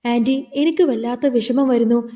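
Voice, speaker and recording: A scheming young wife from a television serial, reproachful and wounded in tone, read out by a woman narrator. The voice sits high and mellow, and the lines are spoken plainly rather than acted. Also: normal speed, dull audio, lightly acted.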